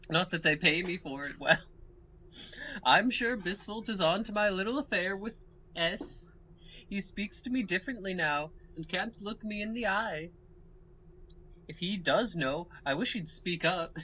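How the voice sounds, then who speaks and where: A man's voice: high voice, lively intonation, a little slow, pushed and bright, slight background noise, full character voice. A man reading a game diary as an anxious, cheating man, in a bouncy mock-Swedish accent, on a slightly muffled recording. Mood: fretful.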